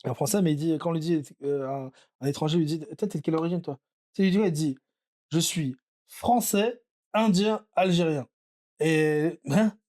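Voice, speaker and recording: A man's voice: fairly high pitch, moderate pace, a little mellow. A middle-aged man from France, a podcast guest, telling stories in an easygoing, joking way and readily agreeing in a casual podcast conversation.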